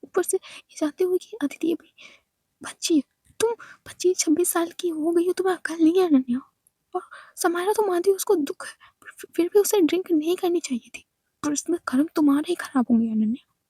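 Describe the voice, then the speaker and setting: A woman's voice: high-pitched, a little fast, mellow, husky, dry recording, clean studio sound. A woman voicing a strict woman doctor who scolds and gives commands, in a whispered role-play. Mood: scolding.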